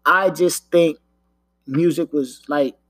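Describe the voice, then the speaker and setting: A Long Island man in his thirties with a New York accent hosts a casual solo podcast from a downstairs room at home. He's laid-back and rambling, full of filler and "you know what I'm saying," in a slow, slightly high, fairly even, a bit bright voice. The recording is dry with faint music behind.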